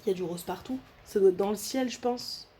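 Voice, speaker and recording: A woman's voice: medium pitch, a little fast, mellow, a little hiss or hum. A young French woman chatting casually to camera while unboxing a craft kit, rambling and restarting her sentences as she thinks aloud. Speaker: diamond painting vlogger.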